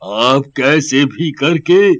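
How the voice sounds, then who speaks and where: A man voicing a worried male village headman in an animated horror story, pleading anxiously for help. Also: medium pitch, extremely slow. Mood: pleading worry.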